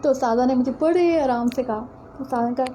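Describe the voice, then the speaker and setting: A woman's voice: high voice, dark tone, a little hiss or hum, low-quality recording. A woman from Pakistan giving a religious lecture as a teacher, telling a personal story in an earnest way and speaking straight to her listeners.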